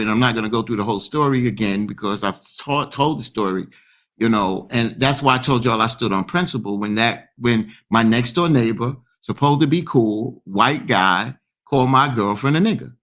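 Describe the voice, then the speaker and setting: A man co-hosting a call-in talk show, forceful and repeating himself for emphasis. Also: medium pitch, brisk. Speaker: co-host.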